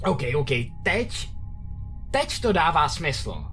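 A man's voice: fairly high pitch, wildly swooping pitch, sharp tone, soft background music, heavily acted. A man voicing a panicky, superstitious young boyfriend in frantic, pleading outbursts.

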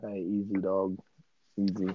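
A deep-voiced man in his mid-thirties co-hosts a podcast, speaking in a completely flat, unhurried way on a dry, lo-fi recording. The casual chat finds him relaxed and talkative, saying "dude" constantly and getting heated when teased.

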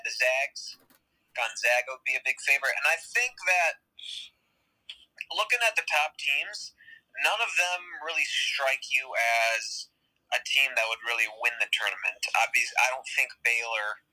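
A man's voice: medium pitch, bright, forceful tone, low-quality recording. A man co-hosting a sports podcast, giving blunt, opinionated takes in casual chat. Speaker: podcast co-host.

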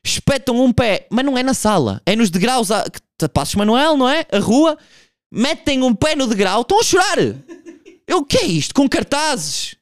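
A man's voice: extremely high pitch, very animated, moderate pace, no echo, studio quality. A young man doing a casual, profane stand-up monologue, telling a story with vocal impressions. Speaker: stand-up comedian.

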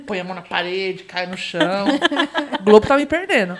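A woman's voice: mid-range voice, animated, a little fast, a crowd in the background. A young Brazilian woman telling a funny story in casual chat, dramatic and laughing often.

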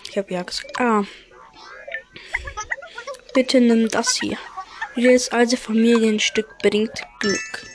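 A woman's voice: a little high, steady tone, takes it slowly, long pauses, noisy background. A woman reading the lines of a worried, pleading village mother in a video game.

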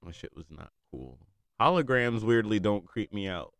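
Casual young man, deep and smooth, rambling, swears freely and laughs often. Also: sing-song, moderate pace, dry recording. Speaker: friend catching up. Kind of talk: casual chat.

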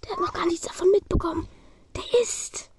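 A woman's voice: very high-pitched, fairly even intonation, brisk. A woman whispering conspiratorially while improvising a fan role-play podcast. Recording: noisy home recording.

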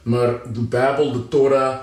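A man's voice: medium pitch, level tone, measured pace. A man in a casual group discussion, talking slangily and mixing in English words. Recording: very echoey room, far from mic.

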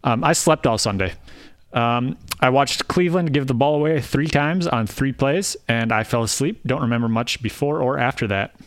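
A man's voice: medium pitch, normal speed, no echo. A man co-hosting a casual sports podcast, talking with wry jokes and frequent fillers. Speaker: podcast co-host.

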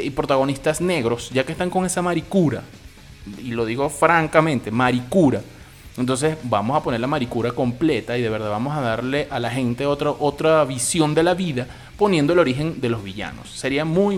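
A man's voice: mid-range voice, moderate pace, faint music behind. A man with a Venezuelan Spanish accent giving a loose, opinionated film review, swearing casually as he talks.

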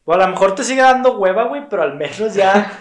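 A man's voice: high-pitched, expressive, fast talker. Slangy Monterrey-accented male podcast host. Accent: Monterrey Mexican Spanish. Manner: slangy and laid-back, lots of filler words. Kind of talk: casual podcast chat. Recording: roomy echo.

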